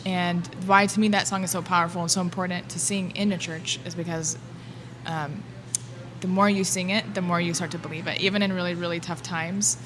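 A woman talks in an earnest, casual way as a podcast guest. Her voice is on the low side, with clear noise in the room. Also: level tone, fairly quick. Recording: noisy room with clear ambience.

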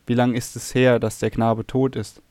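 A man's voice: medium pitch, little pitch movement, moderate pace, darkish tone, no room sound, natural voice. A man voicing a grieving young male temple servant, speaking earnestly and sorrowfully.

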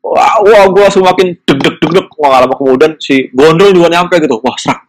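A man spins a personal story in loose, chatty speech, doubling up words and throwing in sound effects. His voice sits a touch higher than most men's. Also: a little fast, poor audio. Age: 40s. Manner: animated, repeats words and makes sound effects. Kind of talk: casual spoken true-story telling.

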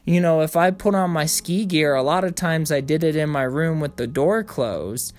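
A man's voice: fairly high pitch, normal speed, a little mellow. A young man telling his own story in a casual, blunt monologue. He swears freely and rants about family frustrations. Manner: profane, blunt and ranting, mimics his parents in raised voices.

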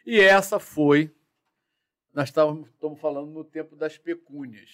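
A man, a former police chief telling war stories in a slangy, profane, animated way. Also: a little high, moderate pace, clean tone. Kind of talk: casual storytelling interview.

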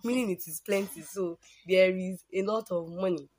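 A woman's voice: lowish voice, moderate pace, darkish tone, breathy edge. A Nigerian woman interviewing a guest in a chatty way, with many fillers and murmured hums. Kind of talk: casual interview.

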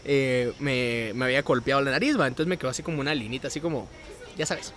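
A man's voice: medium pitch, fast talker, a bit bright. A young man with a Guatemalan Spanish accent telling a story in casual chat, acting out the quotes and laughing often.

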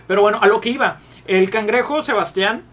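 A man's voice: high-pitched, brisk, fairly bright tone. A man with a Mexican accent co-hosting a casual podcast panel, rambling and peppering his talk with crude slang. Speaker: podcast co-host.

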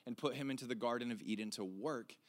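Young guy pastor, chatty sermon, trips over his words a lot, middle pitch. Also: fast. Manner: casual, candid, stumbling repetitions.

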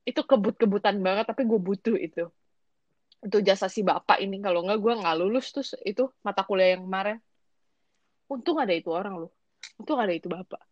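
A young woman, co-hosting a podcast and telling a story in casual, slangy, animated chat. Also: mid-range voice, no echo, highs cut off. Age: young adult. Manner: animated, slangy, quick bursts of excitement. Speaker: podcast co-host.

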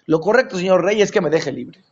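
A convicted criminal, as a man puts him on, pleads and flatters a king to win his freedom. The voice sits a little high. The recording is dull and lo-fi. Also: brisk, slight background noise. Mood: pleading.

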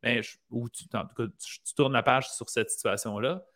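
A man's voice: mid-range voice, moderate pace, fairly bright tone. A man with a Quebec French accent hosting an interview, reflective and circling his points with restarts. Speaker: podcast host. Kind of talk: conversational interview.

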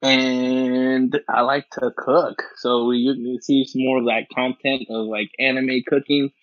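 A man's voice: mid-range voice, flat delivery, unhurried. A man co-hosting a casual podcast over an online call, easygoing and hesitant. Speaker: podcast co-host. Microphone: voice chat over an online call. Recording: dull lo-fi mic.

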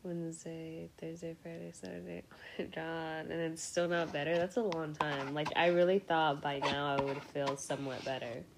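A woman's voice: sits low, little pitch movement, moderate pace, gravelly, slight background noise. A young woman hosting a casual solo podcast, sick and rambling, swearing freely and laughing often. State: sick with a cold, congested voice. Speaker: podcast host.

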